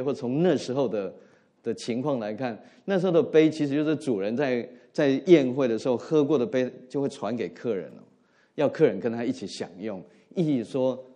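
A middle-aged man preaching a sermon in an earnest way, swinging between emphatic rises and soft drops and slipping in English words. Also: mid-range voice. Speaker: pastor.

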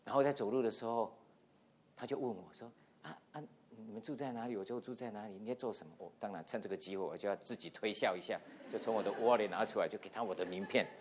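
A middle-aged man, a pastor, telling a lively story in a sermon and acting out the dialogue, with English words mixed into his speech. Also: fairly low pitch, quick pace, a little hiss or hum. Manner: animated anecdote with acted-out quotes, code-switching English words.

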